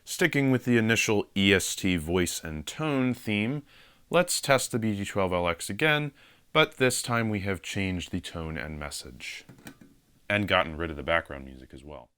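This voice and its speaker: A man's voice: deep voice, expressive, moderate pace, fairly bright tone, smooth. A man narrating an equipment demonstration, explaining each step in a matter-of-fact, methodical way. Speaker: fire alarm system demonstrator.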